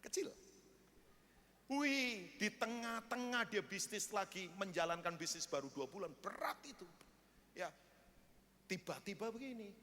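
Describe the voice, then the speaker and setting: Male pastor, lively storytelling sermon, high bright voice, church hall reverb. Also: unhurried, long pauses, a little hiss or hum. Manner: storytelling, chatty, asks the congregation questions.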